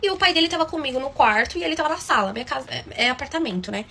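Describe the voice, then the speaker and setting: A woman's voice: high voice, expressive, rapid-fire, creaky, bright, forceful tone, a little hiss or hum. A woman telling a story in a chatty, dramatic way, often calling out to her listeners. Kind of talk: casual storytime.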